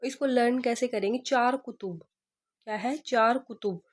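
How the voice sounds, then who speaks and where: A woman teaches an exam-prep class in a slightly high voice. She poses a question, then answers it herself and drills it again and again. Her delivery is steady and patient, built around memory tricks. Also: a little slow. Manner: repeats questions and answers, asks rhetorical "kya hai?".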